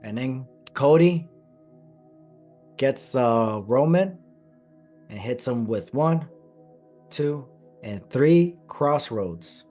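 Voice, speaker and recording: A man hosting a wrestling podcast, chatting excitedly and stressing his points, his voice a bit hoarse. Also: medium pitch, extremely slow, pauses often, faint music behind. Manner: excited, emphatic, repeats phrases. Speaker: podcast host. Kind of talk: casual podcast chat.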